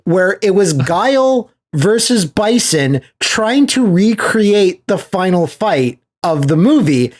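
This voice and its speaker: High-pitched and slow, this podcast co-host barely pauses as he talks. He's a casual, animated storyteller who performs the quotes and reactions he recounts and swears without hesitation.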